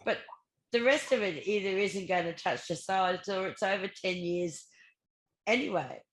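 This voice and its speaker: A woman's voice: medium pitch, moderate pace, echoey room. An Australian woman co-hosting a casual chat about the federal budget, reading out figures and reacting to them. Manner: chatty, laughs at the figures, reads out numbers. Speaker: co-host. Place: regional home.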